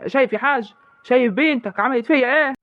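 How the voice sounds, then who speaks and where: A performer playing a battered young rural husband in a comic village sketch, with a rural Egyptian accent, complaining fast. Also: sits high, no room sound, muffled recording, close to an everyday voice.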